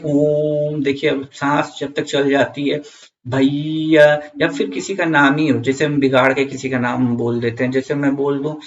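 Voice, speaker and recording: A man's voice: medium pitch, muffled recording, slight background noise. A man teaching an online grammar lesson for exam students, repeating key points and checking in with viewers.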